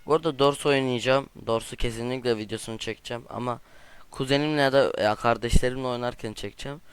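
A man giving casual gameplay commentary to his viewers, trash-talking opponents in excitable outbursts and chatting directly to the audience. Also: mid-range voice, fast talker, clear, resonant tone, dry recording. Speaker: gaming video creator.

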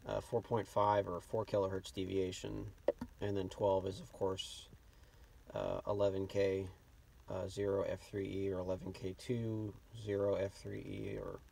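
A man with a lowish voice and heavy vocal fry gives an informal hands-on demonstration, feeling his way as he goes. He is recorded a little away from the mic inside a car, with clear noise and clicking. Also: little pitch movement, a little slow, darkish tone. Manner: hesitant, off the cuff. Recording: noisy, distant mic, clicks. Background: radio broadcast, clicks, noise.

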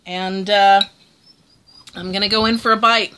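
A woman's voice: mid-range voice, steady tone, unhurried, bright, forceful tone, slight background noise. A woman chatting casually through a food review, exclaiming as she tastes.

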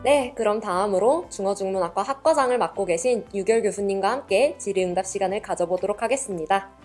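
Young female student interviewer, middle-pitched voice. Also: quick pace, a little mellow, faint music behind. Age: young adult. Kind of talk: polite scripted interview hosting.

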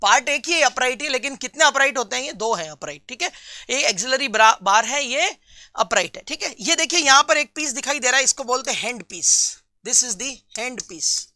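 A man teaching a live online class for nursing exam students. He reads out viewers' answers, calls them friends and repeats key terms slowly. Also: extremely high pitch, animated, bright, forceful tone, dry recording, clean studio sound.

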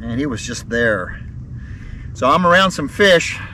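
Slow-talking man fishing from a boat. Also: medium pitch, lively intonation, pushed and bright, a little hiss or hum. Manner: talks to viewers while casting, upbeat and chatty. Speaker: fishing vlogger. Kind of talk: casual fishing vlog commentary. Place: open bass boat on a lake, outdoors.

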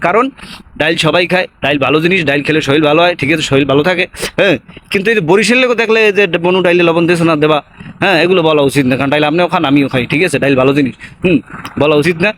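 A young man with a Barishal accent talks to camera at a rapid clip, rambling and tacking on little tag questions. His voice sits fairly high. Faint background noise runs under the recording. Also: a bit bright. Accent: Barishal Bengali. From Patuakhali, Barishal, Bangladesh. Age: young adult. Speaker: vlogger. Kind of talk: casual to-camera talk.

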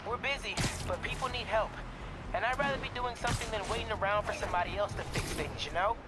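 Game role: male actor voicing an earnest, caring teen boy, bright high voice, loud game music. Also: quick pace, close to an everyday voice.

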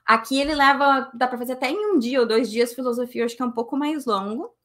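Woman, fairly high voice, relaxed chatty lecture, webcam sound. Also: fast. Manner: casual, chatty explaining with fillers. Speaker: cello teacher giving a talk. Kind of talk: online lecture presentation. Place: room at home. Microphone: webcam on video call.

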